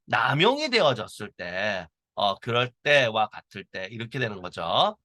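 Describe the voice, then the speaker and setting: A middle-aged man teaching high school English grammar in a recorded lecture, explaining at length and reading English lines slowly to show pronunciation. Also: sing-song, pushed and bright, no room sound.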